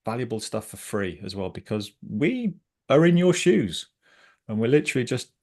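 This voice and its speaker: Brief: male webinar co-host, mid-pitched and eager, a passionate trainer who talks through his points. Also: normal speed. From Britain. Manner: passionate, animated, chatty. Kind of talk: online webinar discussion.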